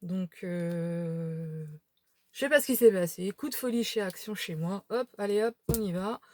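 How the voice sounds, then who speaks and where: A woman's voice: mid-range voice, measured pace, warm tone, dry recording. A tired woman showing a craft shopping haul at home, chatting casually with many fillers and restarts. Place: home room by a window.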